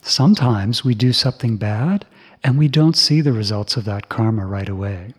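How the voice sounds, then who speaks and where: A man telling a Buddhist story to children, soft and often dropping into a whisper. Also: lowish voice, expressive, normal speed, breathy edge.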